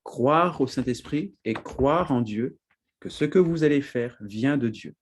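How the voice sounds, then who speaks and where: A man preaching a teaching sermon, animated and lively, often laughing and checking in with his listeners. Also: medium pitch, unhurried, slight background noise.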